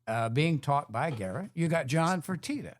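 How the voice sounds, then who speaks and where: A man's voice: fairly high pitch, expressive, moderate pace, no room sound. Actor guy on a talk show, earnest, cracks jokes, dry sound. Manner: earnest, joking. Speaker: actor guest. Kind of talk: casual interview chat.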